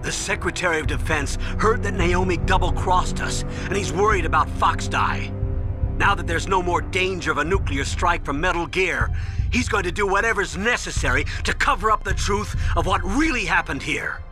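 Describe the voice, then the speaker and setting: An actor playing a loyal, earnest army colonel giving briefings in a video game drama. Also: male voice, high-pitched, moderate pace, music in the background, lightly acted. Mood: resolute.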